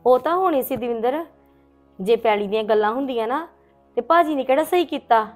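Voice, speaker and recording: A woman playing a sister-in-law who hosts a visitor and gives steady, reassuring advice with some gentle scolding, in a family drama. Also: high voice, a little fast, soft background music. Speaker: character in a family drama vlog. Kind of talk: hobby village family drama.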